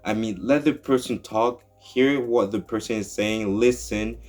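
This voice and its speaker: Young man, low-pitched YouTuber; earnest opinion vlog, restarts often, soft music under. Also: a little slow.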